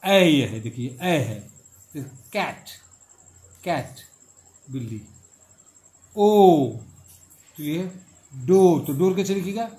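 A man's voice: fairly high pitch, expressive, darkish tone. A middle-aged man teaching a phonetics lesson, repeating and drawing out each word as he explains it. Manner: slow, repetitive, drawn-out explanations. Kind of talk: classroom lecture on phonetics.

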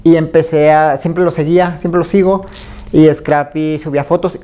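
A man with a Mexican Spanish accent, a tattoo artist being interviewed. He tells his story in a relaxed, rambling way, full of fillers and acted-out quotes. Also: on the high side, normal speed.

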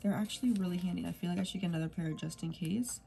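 Over soft background music, a young planner vlogger talks very fast in a low, creaky voice. She rambles softly in a casual plan-with-me chat while filling in her planner, sniffly from a cold and occasionally dropping to a whisper as she works.

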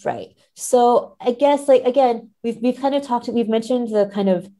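This literary scholar speaks at normal speed with a fairly high, warm voice. As a podcast guest in a thoughtful academic interview, she explains concepts cautiously, hedging as she goes.

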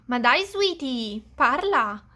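A woman's voice: sits high, big pitch swings, takes it slowly, bright, forceful tone, heavily acted. A woman voicing a frantic older-sister doll. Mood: concerned. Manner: theatrical, panicky, over-the-top. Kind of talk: doll story role-play.

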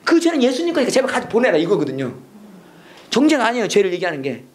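Fast, lively Bible school teacher. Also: medium pitch, a little hiss or hum. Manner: animated, laughs at own slips, acts out quoted prayers. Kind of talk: lecture mixing English lessons with preaching.

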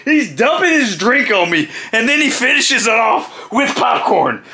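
A man's voice: very high-pitched, measured pace. A middle-aged man, a former pro wrestler, animatedly telling a road story with laughs. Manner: animated, laughing, acting out voices. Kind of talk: storytelling vlog.

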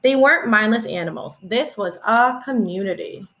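This young teacher in her twenties reads a picture book aloud to children, bringing expressive storytelling to it at normal speed in a slightly high voice. It's recorded on a webcam in a small indoor room at home.

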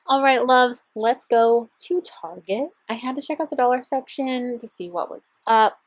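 A young woman vlogger gushes in a bubbly way as she narrates her shopping footage from a parked car. Her voice is fairly high-pitched at a moderate pace, with no room sound.

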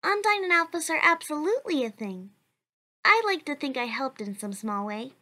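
A woman performs a full character voice for a kind, cheerful, determined young child in a dubbed cartoon comic. Her high-pitched delivery is pushed and bright, with big pitch swings at a moderate pace. The mood is upbeat, earnest, and chatty.

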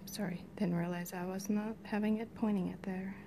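A middle-aged woman giving relaxed, murmured step-by-step instructions in a hands-on craft tutorial at home. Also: mid-range voice, moderate pace, background noise. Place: cluttered home craft room, indoors.

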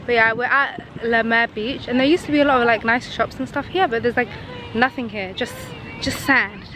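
A woman's voice: a little high, moderate pace, a crowd in the background. A young woman in a casual vlog, talking to a camera held at arm's length while out in the city, cafes and beach, with lots of fillers. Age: young adult. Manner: chatty, filler-heavy, relaxed. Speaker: vlogger. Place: outdoors in a hot city, cafes, beach and street. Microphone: phone or camera held at arm's length. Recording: loud outdoor noise and traffic.

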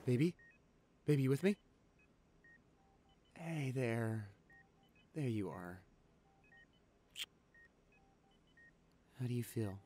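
A young man voicing a caring, anxious boyfriend in an audio role-play, talking softly and reassuringly to his sick partner. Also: medium pitch, animated, slow. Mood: gentle relieved. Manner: soft, soothing, reassuring. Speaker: voice actor reading a listener script.

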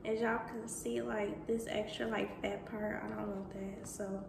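In an indoor home kitchen, a young woman cooking vlogger walks viewers through a cook-along, chatting casually and addressing them as y'all and boo. Her mid-range voice is gravelly and a little slow, with little pitch movement. She's recorded from a distance by a camera on the counter, and the kitchen sounds echoey with noticeable background noise.

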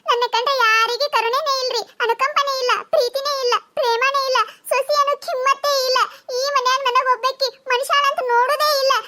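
A woman voicing a loud, quarrelsome young village wife in a cartoon, ranting and scolding in a North Karnataka Kannada accent. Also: fairly even intonation, quick pace, few pauses. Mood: complaining. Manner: shrill scolding rant. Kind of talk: cartoon voice acting.

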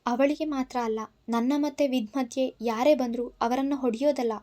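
A woman's voice: high voice, fairly even intonation, normal speed, mellow, lightly acted. A woman voicing a spoiled, obsessive young woman who talks back in a defiant, taunting way, in a storybook reading.

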